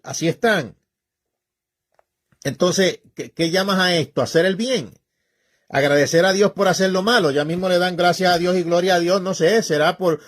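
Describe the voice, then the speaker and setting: Fervent, scolding male preacher, fairly high voice. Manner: emphatic, scolding, colloquial. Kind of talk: informal preaching talk.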